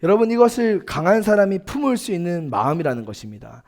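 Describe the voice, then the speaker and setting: A young man preaching to a church youth service, his voice sitting a little high for a man. He speaks earnestly and with emphasis, weaving personal stories and acted-out quotes into the sermon. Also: big pitch swings, quick pace, a little mellow. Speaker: youth pastor. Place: church sanctuary.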